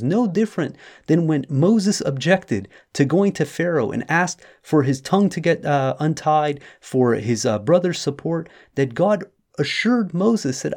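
Mellow-voiced man explaining scripture. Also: a little high. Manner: measured, reads verses aloud and then explains them. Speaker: podcast host. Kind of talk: religious study talk.

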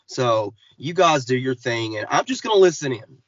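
A man's voice: medium pitch, very animated, normal speed, dry recording, highs cut off. A man on a casual podcast who talks in an angry, sarcastic way. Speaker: podcast regular.

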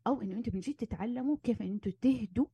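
A woman, a marriage and family therapist giving animated advice in casual conversation and slipping in English terms. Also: on the high side, very fast, creaky, husky, dry recording. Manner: animated, acts out arguments, mixes in English terms.

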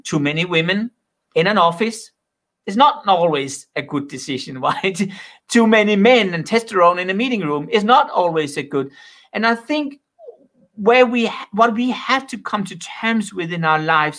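A man's voice: high-pitched, a bit bright. A man from Denmark, an author answering interview questions in an opinionated way and making bold claims. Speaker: author and guest.

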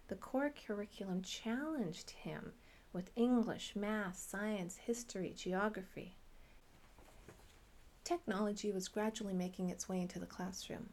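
A middle-aged woman and parent hosting a podcast, telling her family's story in measured, earnest scripted narration. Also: mid-range voice, mellow.

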